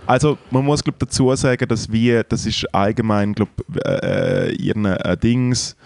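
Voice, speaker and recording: A man's voice: on the low side, unhurried, vocal fry, a little mellow, no room sound. A young Swiss German man, a musician and podcast co-host, talking in a laid-back, hesitant way with dry humor. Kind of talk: casual banter.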